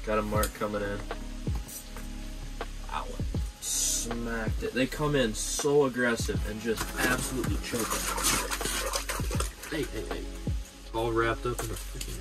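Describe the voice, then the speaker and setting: A young man giving casual play-by-play while ice fishing, often murmuring quietly as he reels fish in, recorded inside an ice fishing shelter by a wide camera. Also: low-quality recording. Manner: laid-back, often murmured low while reeling in fish. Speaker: fishing vlogger.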